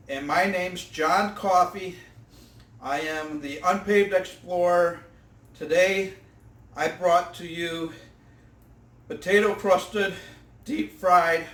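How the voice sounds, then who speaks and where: A man's voice: sits high, a bit bright, roomy sound. A man hosting an outdoor cooking vlog, tasting his fried fish with enthusiastic exclamations. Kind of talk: casual eating vlog.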